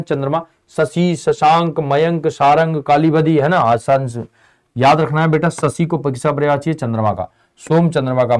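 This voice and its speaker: Here a male teacher with a mid-range, slightly mellow voice conducts an online lesson to prepare students for exams. Casual in manner, he quizzes them and responds to his own questions, calling them beta and bhai, all on an Indian tutoring channel.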